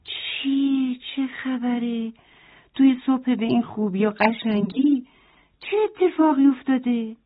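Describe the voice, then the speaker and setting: A woman's voice: lowish voice, animated, few pauses, no echo. A woman voicing a cheerful, clever male goat in a children's story, surprised and curious. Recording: tinny phone-like sound.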